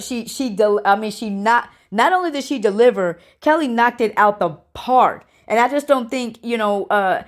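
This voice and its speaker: A woman hosting a casual reaction video, talking earnestly, restarting and repeating phrases, and drifting into gentle encouraging preaching. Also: medium pitch.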